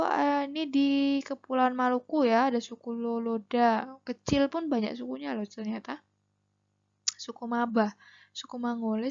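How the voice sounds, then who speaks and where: A woman's voice: on the high side, creaky. A woman teacher with a Javanese accent, explaining a lesson patiently and asking her students questions as she goes. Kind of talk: classroom lesson video. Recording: dull lo-fi recording.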